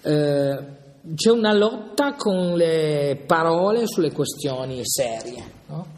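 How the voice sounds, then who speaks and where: A man's voice: on the high side, lively intonation, takes it slowly, darkish tone. A man leading an informal Bible lesson, thinking aloud and often checking in with a questioning "no?". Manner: hesitant, thinking aloud, frequent "no?" asides. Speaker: Bible study leader. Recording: long reverb in a hall.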